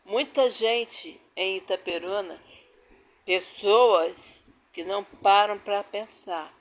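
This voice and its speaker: Slow, emphatic older Brazilian woman. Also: mid-range voice. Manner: emphatic, repeats phrases for weight. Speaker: woman telling her family story. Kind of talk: personal spoken testimony.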